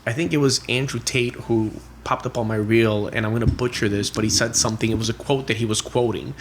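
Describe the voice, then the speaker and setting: A man's voice: medium pitch, steady tone, quick pace, a little hiss or hum. A middle-aged man, a guest on a podcast, telling family stories in a chatty way, full of fillers and acted-out quotes. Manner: chatty, heavy on "you know" and "like" fillers; acts out family dialogue in quotes. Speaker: podcast guest, real estate investor. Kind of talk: casual storytelling interview.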